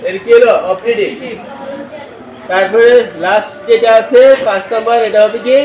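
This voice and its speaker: High-voiced male teacher in an echoey classroom. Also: steady tone, normal speed, distant mic, a crowd in the background. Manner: asks questions and has the class echo answers, spells words letter by letter. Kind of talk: classroom lecture with call-and-response.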